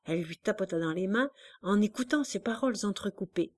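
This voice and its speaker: A woman reading a classic novel aloud as narrator, with expressive, dramatic storytelling. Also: medium pitch, a little fast.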